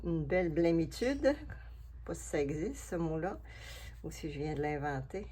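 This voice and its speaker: A woman's voice: deep voice, animated, normal speed, warm tone. A woman with a Québécois French accent chatting casually as she makes a collage, thinking aloud to herself and her viewers. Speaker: collage artist. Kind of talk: casual craft vlog, talking while working.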